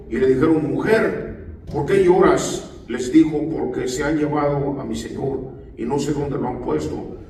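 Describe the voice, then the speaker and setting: A man's voice: on the high side, a little mellow, slight background noise. A male pastor preaching a sermon in a church, often asking the congregation for amens. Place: church hall. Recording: echoey hall, voice far from the mic.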